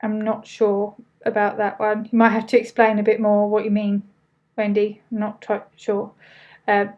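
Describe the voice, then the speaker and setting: Higher-pitched Essex woman, chatty trainer. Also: darkish tone. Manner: informal, chatty, loosely pronounced words. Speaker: business trainer hosting a live Q&A. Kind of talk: casual live training chat, reading and answering questions.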